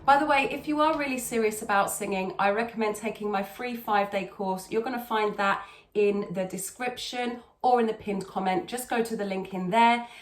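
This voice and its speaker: A woman with a mid-pitched voice gives a conversational singing lesson in a roomy, echoing space. She explains technique step by step like a teacher and repeats key words for emphasis. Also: moderate pace. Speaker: singing teacher and video host. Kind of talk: conversational vocal technique tutorial. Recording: echoey, roomy sound.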